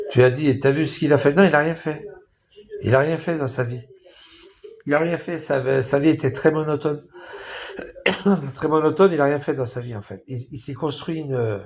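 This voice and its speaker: Man streaming live, rambling and mocking, swears a lot, plenty of restarts. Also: medium pitch. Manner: mocking, crude, halting with many restarts.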